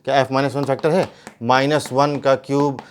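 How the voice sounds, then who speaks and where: A man's voice: mid-range voice, steady tone, a little fast, slight background noise. A male math teacher, explaining steps and asking rhetorical questions. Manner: mixes English math terms into speech. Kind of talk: whiteboard math lesson.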